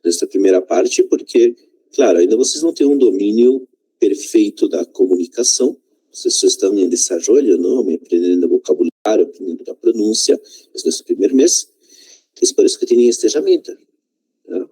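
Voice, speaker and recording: Low-voiced teacher, Spanish speaker teaching Portuguese. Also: male voice, expressive, brisk, mellow, slightly rough, rough recording. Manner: mixes Spanish words into Portuguese, frequent "né?" and "tá?". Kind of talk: online language lesson.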